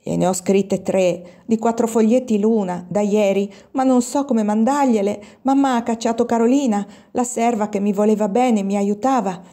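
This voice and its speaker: A woman reading an audiobook and voicing a lovesick, melancholy young schoolgirl in a soft, breathy voice. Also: medium pitch, steady tone, normal speed, hardly any pauses, natural voice. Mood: sad, lovesick. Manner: sad and dreamy.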